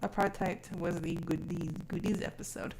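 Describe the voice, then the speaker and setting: Her fairly low, slightly mellow voice keeps a level tone at a moderate pace, with a bit of hiss or hum behind it. She's a live streamer in casual chat, expressive and sweary, who was born in South Africa but grew up mainly overseas from age six.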